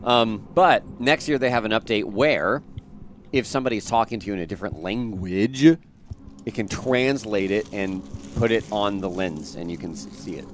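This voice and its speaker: A man's voice: on the low side, normal speed, slight background noise. A young man from Florida chatting casually as a streamer, rambling and trailing off with fillers. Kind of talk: casual chat.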